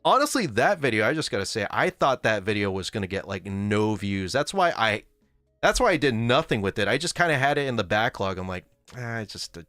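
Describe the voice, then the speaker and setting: This livestream host has a lowish, fairly bright voice with big pitch swings and talks fairly quickly, in a studio-quality recording with no room sound. Faint music plays as he reads chat casually, rambling, self-correcting, and laughing often.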